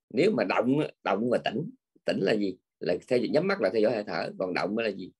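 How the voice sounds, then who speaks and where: Older guy giving a buddhist talk, husky voice, chatty, keeps asking "remember?". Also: medium pitch. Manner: conversational, with frequent tag words. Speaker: Buddhist teacher. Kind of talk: dharma talk.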